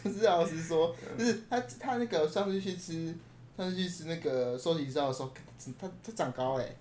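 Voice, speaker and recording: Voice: mid-range voice, brisk, a little mellow, slight background noise. A young person in their late teens with a Taiwanese Mandarin accent, co-hosting a podcast, joking and rambling with many repeated words. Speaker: podcast co-host. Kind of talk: casual chat. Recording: echoey room.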